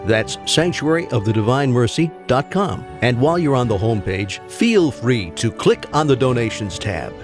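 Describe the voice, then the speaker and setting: A man reading a scripted radio advertisement at a mid pitch, smooth and measured. A clear music bed plays under his voice. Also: very animated. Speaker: announcer.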